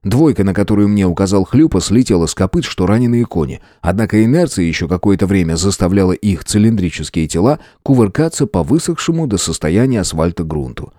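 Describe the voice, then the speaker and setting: A man narrating a first-person audiobook in an expressive, dramatic way. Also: low voice, fairly quick, hardly any pauses, dry recording, studio quality. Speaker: audiobook reader.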